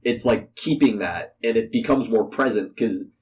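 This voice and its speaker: A young American man speaks as a podcast interview guest, his voice fairly low and a little mellow at a moderate pace. His answers are casual and rambling, with "like" scattered throughout. A faint hiss or hum sits under the audio.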